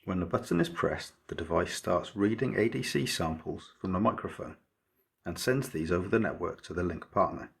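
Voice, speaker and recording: Low, creaky and very husky, the man's voice sounds breathy-rough rather than smooth as he presents a scripted electronics tutorial about his maker project. He takes each step methodically, in a measured, explanatory style.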